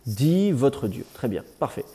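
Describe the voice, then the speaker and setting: A man lecturing to a small class in a relaxed, mellow voice. He walks students through the text step by step and patiently corrects their pronunciation as they read. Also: mid-range voice, unhurried, slightly rough. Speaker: teacher of biblical Hebrew.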